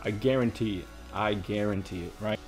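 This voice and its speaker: A man's voice: fairly low pitch, moderate pace, soft background music. A young man reading comments aloud and ranting about them in casual commentary, exasperated and lecturing, often repeating himself.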